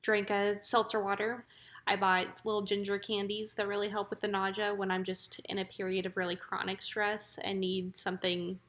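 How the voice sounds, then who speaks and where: Woman vlogger with an even pitch. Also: moderate pace. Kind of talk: casual personal vlog.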